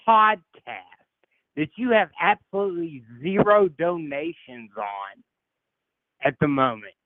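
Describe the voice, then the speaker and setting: A man's voice: high-pitched, no echo. Frustrated male caller on a tinny line. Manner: insistent, keeps pushing to finish his point. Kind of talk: heated call-in argument.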